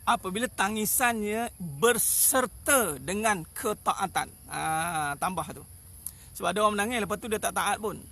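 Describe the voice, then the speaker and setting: A man's voice: sits high, moderate pace, pushed and bright. A man with a Malaysian Malay accent preaching a sermon outdoors, emphatic and repetitive, with many rhetorical questions. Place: outdoors in the sun.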